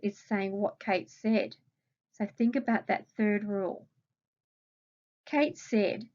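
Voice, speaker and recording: A woman's voice: mid-range voice, lo-fi sound. A woman with an Australian accent, a primary school teacher patiently explaining a recorded grammar lesson to children and asking them questions.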